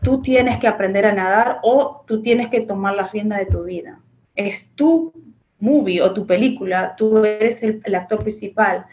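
A woman's voice: mid-range voice, measured pace, a little mellow, dull audio. A woman from Argentina in her forties with an Argentine Spanish accent, a business owner answering interview questions earnestly, with many fillers and restarts, recorded on a webcam in a small office. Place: small indoor office with a framed picture.

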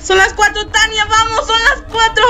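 A woman's voice: very high-pitched, little pitch movement, normal speed, sharp tone, slight background noise, poor audio. A young Mexican woman with a Mexican Spanish accent, doing frightened horror game commentary full of swearing, nervous laughter and shrieks. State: scared and shaky. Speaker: gameplay streamer.

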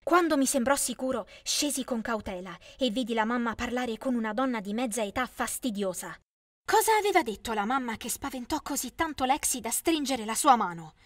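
A woman giving scripted first-person storybook narration in a steady storytelling manner. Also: a little high, brisk, no echo, studio quality.

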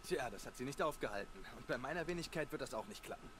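An actor playing a cocky, rebellious young man in a video game, brash, sarcastic and excitable. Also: medium pitch, fast, noisy background, natural voice. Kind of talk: dubbed video game acting. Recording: game sound effects and music behind.

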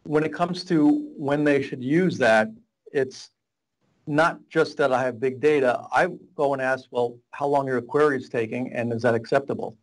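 In a casual explanatory interview, a middle-aged data warehouse architect speaks at a moderate pace in a mid-range voice, with low-quality webcam sound. He's in a small office with a whiteboard, explaining at length, rambling, starting over repeatedly and gesturing a lot.

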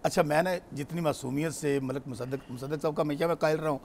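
A man's voice: a little high, steady tone, fast talker, a little hiss or hum. A man, a political panelist arguing combatively and talking over others. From Pakistan. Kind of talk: heated political debate.

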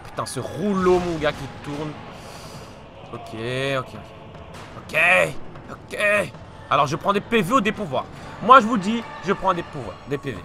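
Young male gamer, slightly ill, animated, cursing and yelling through gameplay over game music. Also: a little high, measured pace. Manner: swearing, frustrated outbursts and shouts. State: still a bit ill. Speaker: let's play gamer. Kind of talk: live gameplay commentary. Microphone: desk mic.

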